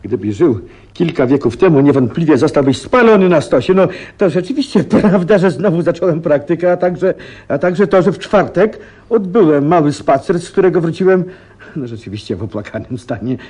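An actor playing a good-natured, easily baffled gentleman doctor in a radio play, genial and a little hesitant. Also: on the high side, lively intonation, a little fast, slightly rough. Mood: impressed, puzzled. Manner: genial, hesitant, mildly flustered. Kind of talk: Polish radio play acting.

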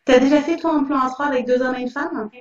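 A woman's voice: high voice, fairly even intonation, fast, muffled recording. A woman interviewing people casually over a video call, rephrasing her questions to probe further.

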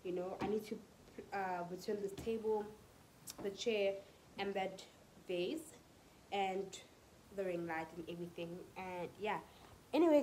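In a poor-quality clip with a little hiss or hum, a South African woman in her twenties gives a casual vlog chat at home in her living room and bedroom. Her medium-pitched voice has a dark tone and sounds stuffy from the flu. She is chatty, slips in Setswana phrases, and holds her phone camera at arm's length.

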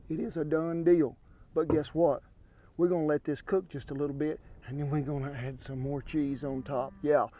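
Man, 60s, Southern US accent, folksy drawl, fairly high voice, outdoor cooking demo, windy ranch camp, lapel mic. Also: darkish tone. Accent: Southern US (Oklahoma). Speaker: cooking show host. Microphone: wireless lapel mic.

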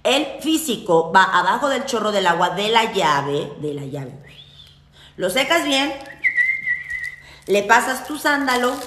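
A woman's voice: medium pitch, sing-song, measured pace, long pauses, echoey room, background noise. Chatty Mexican woman, salty slang. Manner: chatty and salty, teasing her viewers with slang; laughs often at her own jokes. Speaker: witchcraft teacher. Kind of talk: casual spoken ritual tutorial.

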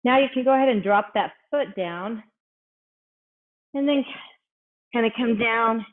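A woman's voice: on the high side, measured pace, phone-quality sound. A woman fitness instructor coaching a workout, out of breath, upbeat and encouraging as she counts reps aloud.

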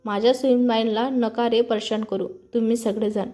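Kindly old father-in-law, read by a woman, protective, mellow, even, storybook reading. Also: a little high, moderate pace, lightly acted.

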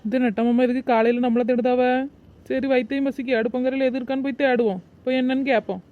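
A woman's voice: high-pitched, steady tone, quick pace, phone-quality sound, close to an everyday voice. A woman voicing a cheeky, lazy young wife, always hungry and talking back. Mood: muttering. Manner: cheeky, talks to herself, sweetly impudent. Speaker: lead character. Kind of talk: cartoon comedy voice acting.

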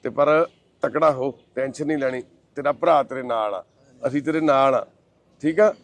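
A man's voice: mid-range voice, moderate pace, no room sound. A man, hosting and comforting a troubled man, then speaking earnestly to the camera. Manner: warm, consoling and reassuring; earnest and pleading. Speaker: host helping a troubled man. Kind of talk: casual talk, then address to camera.

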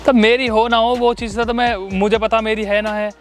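High-voiced young man arguing outdoors. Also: flat delivery, brisk, soft background music. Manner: argumentative, pleading then coaxing. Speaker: prankster. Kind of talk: staged street prank argument.

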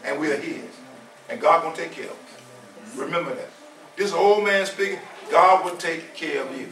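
Captured by a far camera in an echoey small church hall, this man in his seventies gives a casual sermon, emphatically restating his points as if in conversation. He speaks at normal speed in a slightly high, somewhat bright voice.

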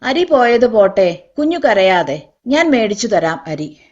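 A woman voicing a kind, protective rickshaw puller who speaks gently and soothingly. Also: mid-range voice, very animated, measured pace, dull audio.

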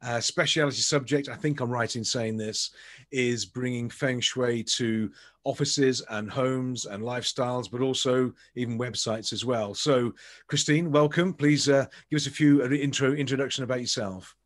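A man's voice: mid-range voice, fairly even intonation, normal speed. A middle-aged man hosting a podcast over a video call, rambling and repeating words as he starts his sentences. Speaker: podcast host. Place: home office with bookshelves.

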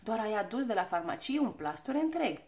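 A woman's voice: medium pitch, very animated, a little mellow. A woman voicing a clumsy, boastful little boy in a children's storybook reading, muttering and sheepish.

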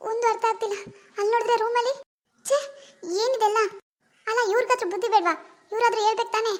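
A woman's voice: extremely high pitch, level tone, fast, a little mellow. A woman acting as a young wife who suspects her husband, wondering aloud in an anxious, questioning way. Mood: suspicious. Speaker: actor in a family web drama. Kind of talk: amateur family drama acting.

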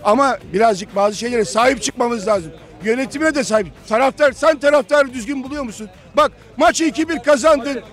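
A hoarse man in his fifties, a football fan insistently lecturing other fans in a heated street interview outdoors. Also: very high voice, fairly quick, few pauses. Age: 50s. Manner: lecturing, insistent, repeats himself.

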